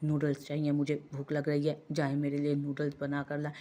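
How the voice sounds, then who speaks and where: Woman narrator doing a pushy pregnant young wife, low voice, audio novel. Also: monotone, fairly quick, mellow, close to an everyday voice. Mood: demanding. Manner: insistent, whiny.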